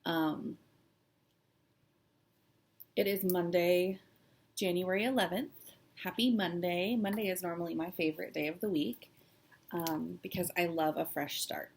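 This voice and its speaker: Slow, low-voiced woman vlogger, halting. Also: creaky, slightly rough. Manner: halting, hesitant, with long pauses. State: shaky, close to tears. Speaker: cross-stitch vlog host. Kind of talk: casual personal chat to camera.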